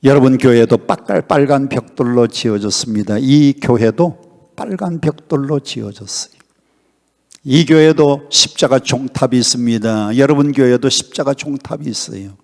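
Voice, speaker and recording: A creaky, darkish medium-pitched voice at normal speed belongs to an older man from Honam, South Korea, guest-preaching at a revival. He challenges the congregation with emphatic questions, and the sanctuary produces a long reverb.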